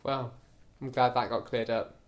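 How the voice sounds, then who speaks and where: A man co-hosting a podcast in casual chat, making quick joking remarks. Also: mid-range voice, level tone. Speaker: podcast co-host.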